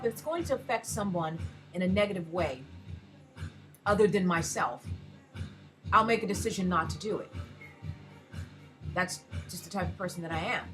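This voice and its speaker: A woman's voice: mid-range voice, fairly bright tone, low-quality recording. An American woman in a casual personal rant, speaking frankly with heavy swearing and emphatic rhetorical questions. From United States. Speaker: vlogger, self-described erotic artist.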